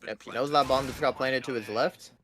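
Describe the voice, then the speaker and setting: A man casting esports live with excited play-by-play, talking in a casual, slangy, exclamatory way. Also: mid-range voice, fairly quick. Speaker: esports caster.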